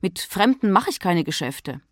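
A woman's voice: medium pitch, big pitch swings, normal speed, no room sound, studio quality, natural voice. A woman voicing an irritable, prickly woman driver who talks back indignantly, in a storybook reading. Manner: snappish, indignant.

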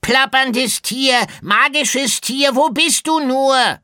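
A man doing a squeaky chirping magpie. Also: takes it slowly, sharp tone, no echo, clean studio sound, heavily acted. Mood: excited. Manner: squeaky, rhymes and repeats words. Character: cheeky chirping female magpie sidekick. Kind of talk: audiobook character voice.

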